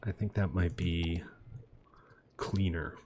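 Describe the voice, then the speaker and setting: Brief: deep-voiced, unhurried male game commentator, keyboard clicks behind. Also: slight background noise. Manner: relaxed, thinking aloud while building. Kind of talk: let's play commentary. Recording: mouse and keyboard clicks audible. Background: computer clicking and typing.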